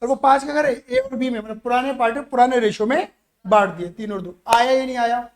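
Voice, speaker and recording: A male commerce teacher with a very high-pitched voice explains accounts to his students. He constantly checks with them for a yes or no and turns the lesson into lively acted-out stories. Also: fast. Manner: keeps asking students "yes or no" to check understanding; animated, acts out little stories to explain. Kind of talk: classroom-style accounting lesson.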